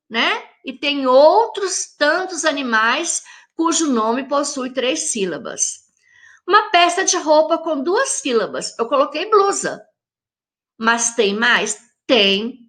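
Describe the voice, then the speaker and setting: A Brazilian woman teacher with a Brazilian Portuguese accent, giving a lesson to young pupils and stretching each example word out slowly. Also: high voice, sharp tone. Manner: slow, drawn-out syllables when saying example words; addresses young pupils directly, friendly teacher tone. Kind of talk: recorded classroom lesson for children.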